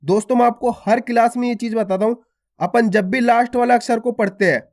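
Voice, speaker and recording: A man's voice: extremely high pitch, steady tone. A man teaching a beginner reading lesson in a video, repeating each point and asking the viewer questions, drawing out single syllables. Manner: repetitive, asks the viewer questions, drawn-out syllables. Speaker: Hindi teacher.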